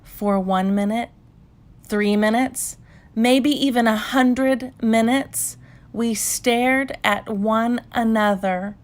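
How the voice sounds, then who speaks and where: A woman reading a children's story aloud in a calm, measured bedtime style with pauses. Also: a little high.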